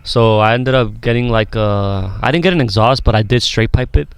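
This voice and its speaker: A man's voice: on the low side, moderate pace, smooth, no echo. A man guesting on a podcast in casual chat, easygoing, slipping Spanish fillers into his English.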